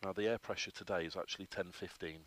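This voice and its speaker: A man's voice: deep voice, fairly even intonation, quick pace, fairly bright tone, a little hiss or hum. A man, instructing a trainee in a flight simulator cockpit, patiently explaining each step with frequent ums. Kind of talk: hands-on instruction.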